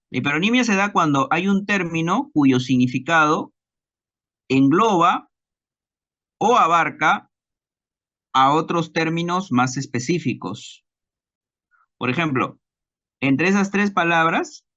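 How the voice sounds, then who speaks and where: A man with a Peruvian Spanish accent teaching a recorded class lecture, slow and deliberate, repeating examples and checking understanding with tag questions. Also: a little high, sharp tone, lo-fi sound.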